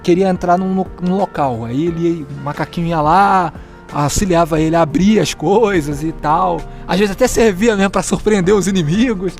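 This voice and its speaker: In an apartment stairwell with faint music behind him, a Brazilian guest and fellow tabletop player tells old game stories in a meandering, unhurried way. His voice is fairly high and creaky, with a Brazilian Portuguese accent, and he often gropes for words and chuckles.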